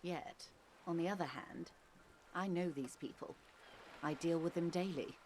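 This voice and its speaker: A woman voicing a poised, worldly negotiator who speaks smoothly and articulately with gentle irony. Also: on the low side, a little slow, a little hiss or hum, lightly acted. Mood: explanatory.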